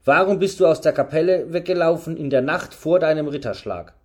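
A man reading as a gruff, impatient knight. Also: a little high, fairly quick, pitched above the performer's own voice. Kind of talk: audiobook reading.

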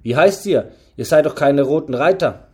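A man's voice: fairly high pitch, expressive, moderate pace, darkish tone, echoey room, natural voice. A man reading as a proud, defiant young knight. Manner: proud, raised and insistent. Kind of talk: audiobook reading.

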